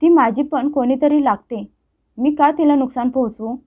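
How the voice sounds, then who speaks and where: A woman's voice: high voice, moderate pace. A woman voicing a scheming sister who talks in a defensive, self-pitying way, in a story reading with a dull sound.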